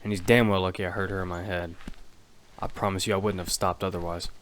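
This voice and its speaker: A man playing Damian's part in an audio drama, a gruff, protective father fighting as a contestant in a battle game. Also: low voice, level tone, fast, fairly bright tone, a little hiss or hum. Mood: firm, resentful. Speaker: narrator and lead actor. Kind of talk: first-person audio drama narration and dialogue. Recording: music behind the voice. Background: prominent music.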